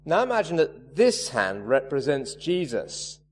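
A man's voice: a little high, big pitch swings, unhurried, faint music behind. A man preaching a sermon, earnest and emphatic, leaning hard on key words. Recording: reverberant hall, faint hum.

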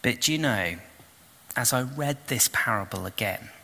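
A man's voice: medium pitch, expressive, normal speed, creaky, bright, forceful tone, in a large hall. A man preaching a sermon, retelling the story expressively and putting questions to the congregation. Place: church.

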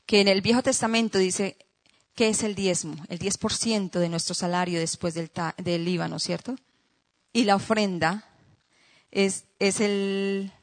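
Woman preacher delivering an emphatic sermon. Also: mid-range voice. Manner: emphatic, repeats phrases, checks in with listeners. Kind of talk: sermon with rhetorical questions to the congregation.

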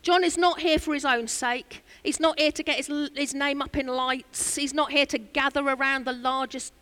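Animated high-voiced woman preaching a sermon. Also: moderate pace. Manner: animated storytelling with asides to the congregation. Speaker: pastor. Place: church.

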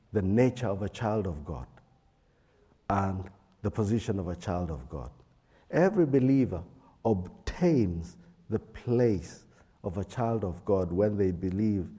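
A man giving a sermon and reading scripture in a slow, measured way with pauses, his voice echoing around a big hall. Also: lowish voice, dark tone, breathy edge. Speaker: preacher.

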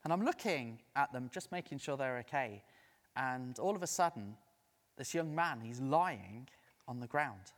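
A man preaching a sermon as a lively storyteller who acts out the voices of the people he quotes. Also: medium pitch, unhurried. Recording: long reverb of a large hall.

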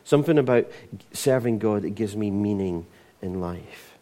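A man's voice: on the low side, expressive, moderate pace, warm tone. A middle-aged Scottish man preaching a sermon in a conversational way, often restarting and repeating words as he goes. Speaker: pastor.

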